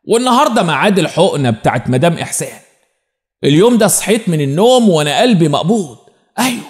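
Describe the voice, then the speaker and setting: A man with an Egyptian accent narrating a dramatic story in the first person. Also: a little high. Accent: Egyptian Arabic. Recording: long reverb.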